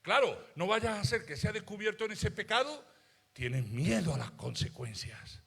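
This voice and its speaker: Fiery pastor preaching. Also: male voice, high voice, very animated, moderate pace, vocal fry, husky. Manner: passionate preaching, swings from shouting to hushed asides; acts out worried voices of doubters. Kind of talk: sermon.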